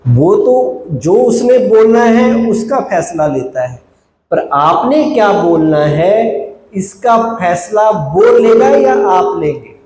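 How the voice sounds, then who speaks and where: Slow high-voiced man giving a sermon. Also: expressive, a little mellow. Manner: slow, with rhetorical questions to the audience. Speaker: spiritual teacher. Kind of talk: spiritual sermon. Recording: roomy hall echo, faint background noise.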